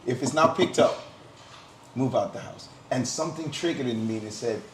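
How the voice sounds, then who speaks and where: A man's voice: medium pitch, moderate pace, slight background noise. A middle-aged man from Guyana sharing his story in a candid group discussion, stressing points by repeating words. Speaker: panel speaker. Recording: roomy sound with crowd murmur. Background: crowd murmur.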